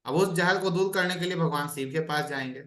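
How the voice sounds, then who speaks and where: Guy running an online astrology class, higher voice, echoey room, keeps asking students questions. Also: brisk, fairly bright tone. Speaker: astrology teacher.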